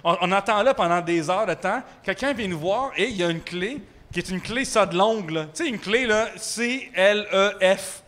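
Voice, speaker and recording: A man in his thirties with a Québécois French accent, telling a travel anecdote on a live podcast, animated and full of fillers and slang. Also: sits high, normal speed. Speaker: guest storyteller. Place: microbrewery with live audience.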